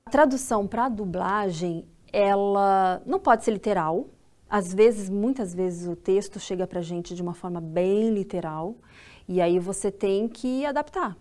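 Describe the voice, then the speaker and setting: A woman's voice: medium pitch, unhurried, darkish tone. Brazilian woman, dubbing pro, opinionated, explains things plainly. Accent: Brazilian Portuguese. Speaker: dubbing professional. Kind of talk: documentary interview.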